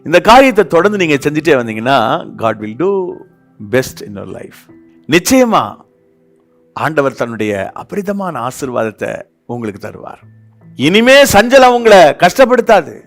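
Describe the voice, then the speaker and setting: A man with a Tamil accent preaching a sermon as pastor, swinging between loud exhortation and soft confiding. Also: mid-range voice, big pitch swings, a little slow, long pauses, faint music behind. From India.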